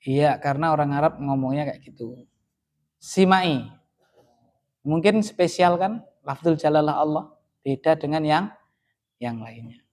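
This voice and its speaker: A man teaching. His voice sits a little higher than most men's. He talks casually, checks in with his students again and again, and answers their questions. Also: measured pace, pauses often, a little mellow. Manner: chatty, often adds "ya kan?" and "kayak gitu". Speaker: Arabic grammar teacher. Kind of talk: casual classroom lesson with Q&A.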